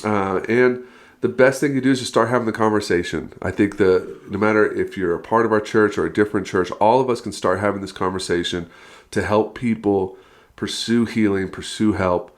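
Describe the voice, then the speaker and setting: A man in his thirties from California speaks as a guest pastor in a relaxed podcast chat. His voice sits on the low side, and he talks with upbeat energy, often breaking into laughter between filler words. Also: fairly quick. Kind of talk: casual podcast interview.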